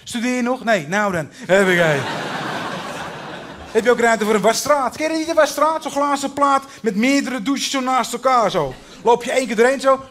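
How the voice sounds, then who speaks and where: A man doing a brash, high-voiced contractor. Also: moderate pace, fairly bright tone, slight background noise. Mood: pushy, upselling. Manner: brash, repetitive, overly familiar sales patter. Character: pushy chummy male contractor, upselling. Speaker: contractor inspecting a house. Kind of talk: cabaret sketch character.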